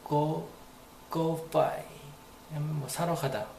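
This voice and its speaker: A man's voice: fairly high pitch, steady tone, drawn-out words, creaky, a little mellow, roomy sound, slight background noise. A man giving a casual, rambling spoken lesson, repeating phrases aloud to demonstrate them. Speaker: English teacher.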